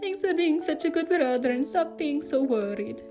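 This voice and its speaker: A woman reading a fanfic aloud, voicing a gentle, sad young man who speaks softly. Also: high voice, expressive, normal speed, over music, pitched above the performer's own voice. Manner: soft, weak.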